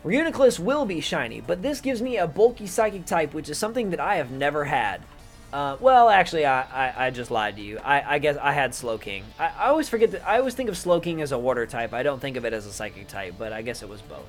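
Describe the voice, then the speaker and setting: Very animated and quick, a young man with a fairly high voice rambles to camera about his online league draft picks. He swears casually and fills pauses with "um" and "uh" over soft background music, in an unscripted YouTube video.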